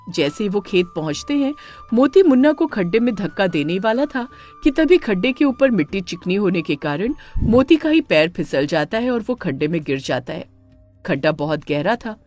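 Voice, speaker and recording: A woman giving scripted, expressive narration for a cartoon story. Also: mid-range voice.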